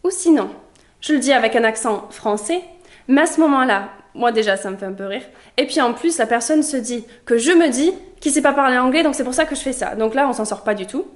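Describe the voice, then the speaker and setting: Lively young female vlogger, slightly high voice, conversational storytelling. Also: brisk. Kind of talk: casual vlog monologue.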